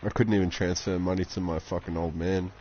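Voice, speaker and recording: A man's voice: sits low, steady tone, brisk, muffled recording, background noise. A young man chatting casually on a game live stream, rambling and swearing constantly.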